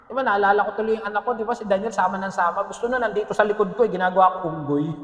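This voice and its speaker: A male pastor preaching a lively sermon to his congregation. He jokes, mixes in English phrases and keeps asking "Amen?". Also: high voice, very fast. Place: church hall. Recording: echoey church hall with long reverb.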